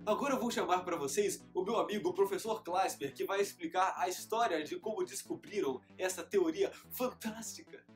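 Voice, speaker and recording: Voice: mid-range voice, normal speed, few pauses, faint music behind. A teacher host giving a playful scripted lesson in the manner of a children's show presenter.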